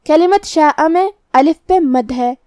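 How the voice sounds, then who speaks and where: A woman teaching Quran recitation, calmly explaining pronunciation rules and then reciting verses slowly with long held sounds. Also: high voice, no echo, studio quality. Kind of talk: tajweed lesson with slow recitation.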